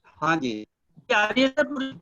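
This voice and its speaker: A man speaking on a poor, dropping online call line, halting, with many pauses. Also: high voice, huge pitch swings, pushed and bright. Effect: choppy, dropping lo-fi call line. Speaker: panel member on an online meeting. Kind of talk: online panel discussion.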